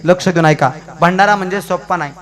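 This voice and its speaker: A man's voice: high-pitched, fast. A man preaching a devotional kirtan sermon, telling stories and calling out to the listeners. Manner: alternates singing refrains and lively storytelling, calling out to the crowd. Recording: echoey with music behind.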